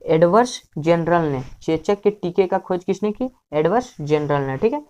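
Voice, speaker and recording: A woman with a fairly low voice runs a quiz-style revision lesson. She states each question, answers it, repeats the answer for drilling, and tops it off with a quick "okay". She fixes her small slips on the spot and keeps going. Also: lively intonation, darkish tone. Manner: self-correcting, with slips. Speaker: teacher.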